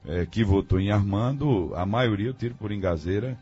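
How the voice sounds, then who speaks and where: A man's voice: on the low side, moderate pace, dark tone, husky, faint music behind. A man giving his political analysis as a guest on a radio debate, thinking aloud with many fillers and restarts. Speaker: guest commentator. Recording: dull lo-fi radio studio sound.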